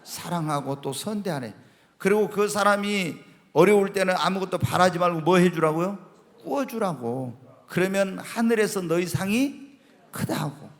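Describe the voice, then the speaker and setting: A man preaching in a church sanctuary, emphatic and fond of putting questions to his listeners. His voice sits fairly high for a man. It trails off into a long hall reverb. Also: normal speed. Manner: emphatic, asks the congregation questions, reads scripture aloud. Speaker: senior pastor. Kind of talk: sermon.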